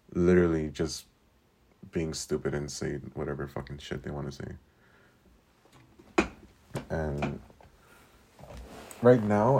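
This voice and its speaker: Very deep-voiced young man. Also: darkish tone. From Southern California. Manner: rambling, filler-heavy with lots of "like" and frequent swearing. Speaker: podcast host. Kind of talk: casual solo monologue.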